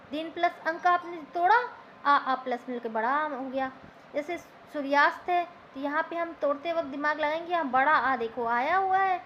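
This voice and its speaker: Lady teacher, high voice, explains step by step, asks then answers herself, kinda dull lo-fi audio. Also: a bit bright. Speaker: Hindi teacher. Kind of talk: classroom grammar lesson. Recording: slightly dull lo-fi recording with faint noise.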